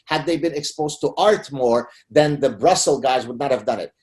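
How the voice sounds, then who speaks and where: A middle-aged Lebanese man whose first language is Arabic appears as a guest author in a conversational interview. He speaks emphatically at a moderate pace in a darkish tone, his pitch rising on key points.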